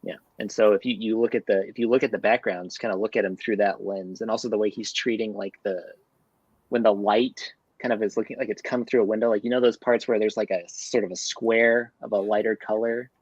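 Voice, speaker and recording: Co-host: husky man, chatty, dry muffled lo-fi mic. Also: on the low side, steady tone, a little fast, a little mellow, dry recording. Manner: laughs often, explains art at length. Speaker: comic podcast co-host. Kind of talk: casual chat. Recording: dull, lo-fi dry sound.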